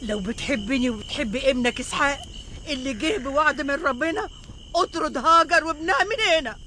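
A high quick insistent mother, egyptian accent, bright voice, faint outdoor noise. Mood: pleading. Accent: Egyptian Arabic. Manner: insistent, pleading. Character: Sarah, protective jealous mother, insistent.

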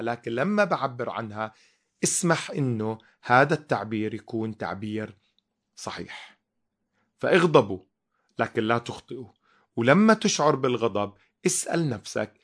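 A man's voice: mid-range voice, a bit bright. A man giving a teaching sermon, emphatic and full of rhetorical questions.

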